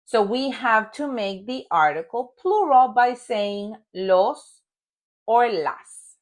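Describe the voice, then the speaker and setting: A woman's voice: on the high side, lively intonation, extremely slow. A woman a bilingual lesson, patient, repeating words and asking the learner questions. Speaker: Spanish teacher.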